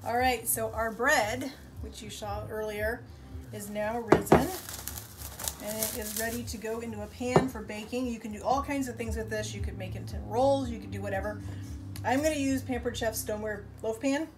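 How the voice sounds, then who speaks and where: A woman's voice: on the high side, fairly even intonation, normal speed, heavy background noise. A woman giving a casual cooking demonstration in a kitchen, explaining each step in a chatty, upbeat way. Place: home kitchen.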